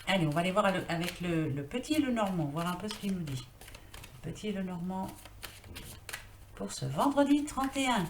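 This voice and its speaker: A woman's voice: lowish voice, sing-song, brisk, pauses often. A woman casually talking through a tarot card reading, rambling and thinking aloud with lots of fillers. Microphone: built-in computer mic. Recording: echoey room, faint noise.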